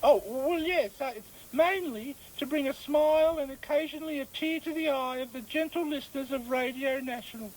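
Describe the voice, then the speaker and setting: Squeaky high little male dog, someone putting it on, rambly and full of himself, radio comedy bit. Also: moderate pace, hardly any pauses, natural voice, rough recording. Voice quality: squeaky put-on voice. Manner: chatty, rambling, self-important, bumbling.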